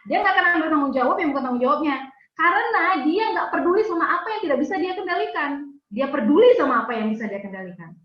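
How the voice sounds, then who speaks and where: A woman giving a chatty, lively motivational seminar talk, acting out quoted speech in little voices. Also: high voice, fast talker, roomy sound, highs cut off. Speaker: seminar speaker.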